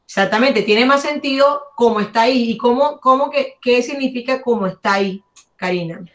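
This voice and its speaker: Woman teacher on a video call, lots of praise, stretches english words out slow and exaggerated. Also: on the high side, fairly bright tone. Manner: encouraging, spells out and exaggerates English sounds. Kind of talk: online class teaching.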